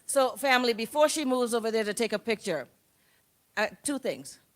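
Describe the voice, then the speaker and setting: A woman's voice: fairly high pitch, expressive, moderate pace. A middle-aged woman, a graduate's mother, introducing speakers at a graduation ceremony with playful, joking asides.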